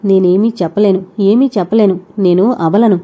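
A woman voicing a grief-stricken young woman in an audio novel, speaking slowly and plaintively. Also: medium pitch, fairly even intonation, warm tone, breathy edge, natural voice. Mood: tearful.

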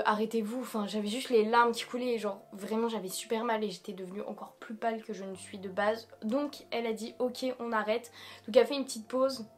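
A young woman with a French accent from France talks in a fairly high voice. She chats informally to the camera, rambling through her story with emphatic, slangy asides, like a vlogger in a small room. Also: a little mellow. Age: young adult. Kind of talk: casual chat to camera, personal storytelling.

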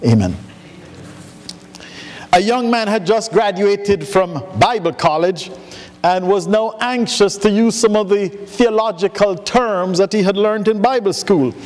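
A male pastor preaching from the pulpit in a folksy storytelling manner, often restarting his sentences. His voice sits high for a man. The sound carries a long reverb from the church hall. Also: expressive, a little slow, darkish tone. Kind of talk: sermon. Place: church sanctuary.

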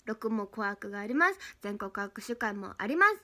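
A woman's voice: medium pitch, sing-song, moderate pace, bright, forceful tone. A young woman hosting her own livestream, chatty and giggly, thanking viewers one by one. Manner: chatty, giggly, reads out fan names and thanks. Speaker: idol livestream host. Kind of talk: casual livestream chat.

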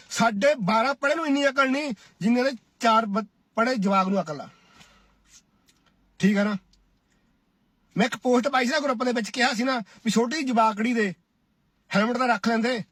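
A man's voice: very high voice, fairly bright tone, no echo. A man from India giving a preachy, scolding duet commentary, often asking his listeners "right?". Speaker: social media commentator. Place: Cyprus.

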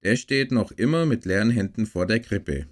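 A man reading a children's story aloud in a slow, calm, even manner. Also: on the low side. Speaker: story reader and streamer.

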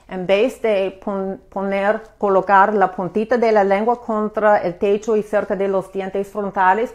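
A woman gives a live beginners' language lesson at a slow, unhurried pace. She explains patiently, often restarting and filling pauses as she goes. Her voice sits in a middle pitch. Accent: American English accent in the English words. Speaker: English teacher.

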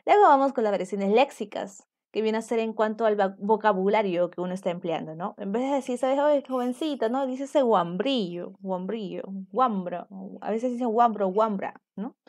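A woman's voice: mid-range voice, normal speed, hardly any pauses, darkish tone. A young adult woman from Peru, teaching a virtual class and explaining points while checking in with her students. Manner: explanatory, asks students for confirmation.

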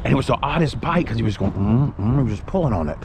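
A middle-aged man with a drawl talks to his action camera while fishing on a windy waterfront. His commentary is excitable and folksy, in a mid-range voice. Wind and water noise run clearly beneath him. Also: mid-range voice, fast. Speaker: fishing vlogger. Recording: outdoor wind and boat noise. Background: wind and water ambience.

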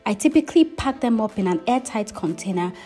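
A woman's voice: medium pitch, animated, brisk, mellow. A woman hosting her cooking channel, giving friendly step-by-step instructions in a voice-over. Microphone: voice-over, not recorded on camera.

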